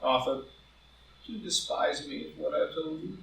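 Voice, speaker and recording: Here the man playing the proud, ambitious wealthy gentleman with a guilty secret sounds pleading and uneasy, though still impassioned, grandiloquent and emphatic. His voice is gravelly and on the high side, at normal speed. Recorded at a live in-person group play reading indoors, the audio is roomy and distant from the mic, with a little hiss or hum.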